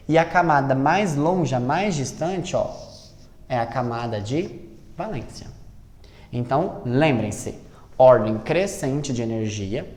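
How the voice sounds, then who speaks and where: A man teaching chemistry, lively, asking and answering his own questions and spelling out each step slowly. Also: mid-range voice. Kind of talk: classroom lesson at a board. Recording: roomy echo with long reverb.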